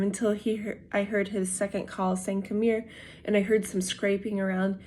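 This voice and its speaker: A woman's voice: medium pitch, mellow. A young adult woman vlogging, telling a personal story in a casual, rambling way with many fillers and self-corrections.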